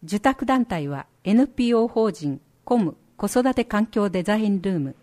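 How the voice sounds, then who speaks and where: A woman radio announcer reading a community announcement clearly and carefully, spelling out details. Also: medium pitch, animated, normal speed, mellow.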